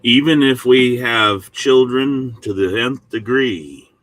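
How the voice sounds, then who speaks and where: A man teaching the Bible in a short devotional, speaking in a folksy, emphatic manner with pauses between short phrases. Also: mid-range voice, fairly bright tone, dry recording.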